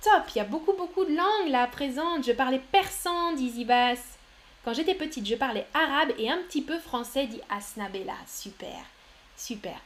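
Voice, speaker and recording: During a live-streamed French lesson, a woman with a high voice goes through the answers viewers post in chat, reading each out and praising it. Her manner is upbeat and encouraging, animated, at a moderate pace.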